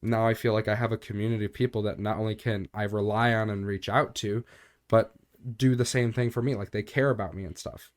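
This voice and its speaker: A man's voice: fairly low pitch, fairly even intonation, brisk. A young man co-hosting a podcast, talking earnestly about faith in a casual, rambling way, with a recurring cough. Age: young adult. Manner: earnest, rambling, with many fillers. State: intermittent cough. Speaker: podcast co-host.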